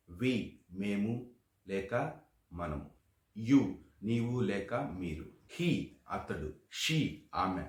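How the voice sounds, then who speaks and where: A male English teacher giving an explanatory video lesson, breaking sentences down word by word and often calling his listeners friends. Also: mid-range voice. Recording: echoey room.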